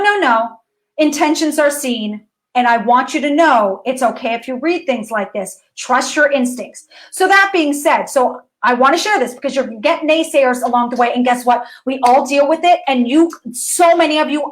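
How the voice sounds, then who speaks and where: A woman dance physical therapist teaching an online course lesson in a casual, animated way, talking straight to viewers and often restarting her sentences. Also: high-pitched, low-quality recording. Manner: reads messages aloud.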